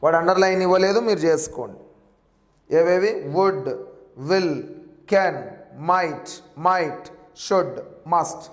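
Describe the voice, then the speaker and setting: High-voiced teacher in an echoey room. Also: male voice, slow pace. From Andhra Pradesh, India. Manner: spells words letter by letter and repeats key terms. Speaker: English grammar teacher. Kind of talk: exam-prep grammar lesson. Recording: echoey room with long reverb.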